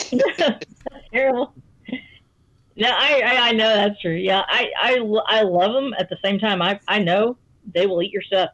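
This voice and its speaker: A woman's voice: mid-range voice, moderate pace, fairly bright tone, dry recording. A woman chatting casually as a guest, laughing often and stumbling over her words. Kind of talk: casual chat. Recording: dull lo-fi sound.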